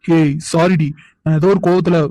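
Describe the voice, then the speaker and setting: A man's voice: fairly high pitch, flat delivery, moderate pace, mellow, dry recording, close to an everyday voice. A man voicing a young man in a cartoon who pleads with his partner and apologizes. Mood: defensive. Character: young man Karthik, remorseful fiancé. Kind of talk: cartoon dubbing.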